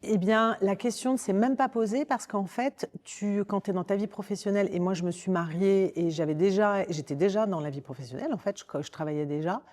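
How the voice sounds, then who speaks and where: A woman in her forties from Paris, France, speaks with a Parisian French accent in a medium-pitched, darkish voice, talking briskly with few pauses. She is a communications director guesting on a podcast, recounting her own career in a conversational interview. Her manner is informal, and she often rephrases as she explains.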